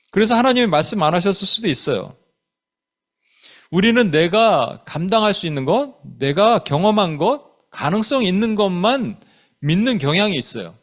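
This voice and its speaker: Guy pastor preaching, lively sing-song voice going up and down, kinda high for a man, acts out the quotes. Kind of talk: sermon. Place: church sanctuary.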